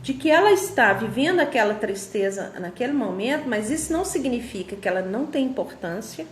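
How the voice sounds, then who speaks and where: A woman giving a motivational self-help talk, emphatic, urging listeners to take notes and drawing out key phrases slowly. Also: fairly high pitch, lively intonation, slight background noise. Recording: roomy echo.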